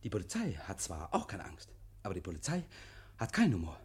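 Manically cheerful, a male actor plays a jittery, over-eager murder suspect in a 1950s radio drama, gushing, stammering, and saying things twice. His voice sits low yet swoops wildly in pitch, and he speaks briskly.

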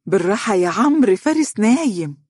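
A warm middle-aged mother from an audiobook story, speaking in Egyptian dialect with affection and a light teasing tone, as the narrator puts her on. Her voice sits a little higher than the narration, and the recording is dry and close. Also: fast talker, no echo, natural voice.

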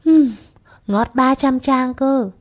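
A woman's voice: sits high, moderate pace, voice pushed up, close to an everyday voice. A woman doing an eager polite young son.

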